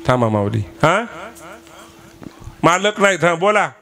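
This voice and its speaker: Preaching a kirtan sermon live over instrumental music, a man with a Marathwada accent speaks slowly in a highish, very animated voice. He quizzes and teases the crowd, pushing the women to reply aloud.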